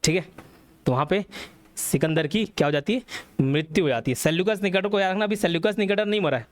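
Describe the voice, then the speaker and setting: High-voiced man teaching a history class. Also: quick pace. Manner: storytelling, quizzing students with questions. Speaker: exam coaching teacher.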